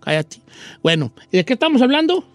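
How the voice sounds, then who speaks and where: High-voiced Mexican man telling a tall tale. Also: sing-song, brisk, no echo. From Michoacán, Mexico. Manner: theatrical, campy, calls listeners "hija" and "chiquita". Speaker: storyteller on a comedy show. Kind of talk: comic storytelling.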